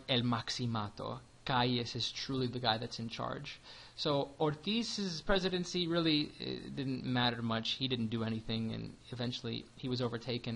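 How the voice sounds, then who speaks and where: A man's voice: medium pitch, a bit bright, poor audio. A man teaching a history lesson in a casual, chatty way, often saying "you know" and "um".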